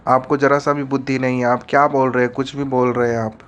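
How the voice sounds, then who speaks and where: A man voicing an indignant young female secretary in an animated story, brushing off an accusation rudely. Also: mid-range voice, fast talker, natural voice. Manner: indignant, rude.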